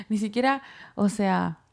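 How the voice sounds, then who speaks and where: A woman from Uruguay with a Uruguayan Spanish accent, co-hosting and telling a personal faith story in a casual, animated way, acting out her own inner dialogue. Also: medium pitch, creaky. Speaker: co-host.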